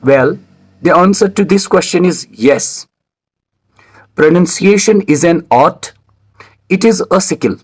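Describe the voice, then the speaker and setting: Man, English teacher, scripted video lecture, slightly high voice, measured formal delivery, spells words letter by letter. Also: animated, breathy edge, rough recording.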